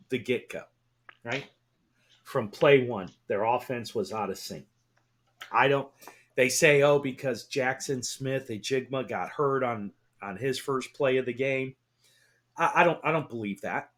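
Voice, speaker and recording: A man co-hosting a casual sports talk radio show, excitable and swearing, often repeating himself. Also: mid-range voice.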